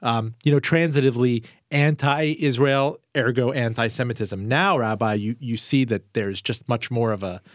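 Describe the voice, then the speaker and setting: A man in his forties hosts an interview in a dry, close recording. He talks conversationally and digressively, joking and tossing in quick rhetorical questions at a middling pitch. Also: no echo. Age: 40s. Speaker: host interviewer.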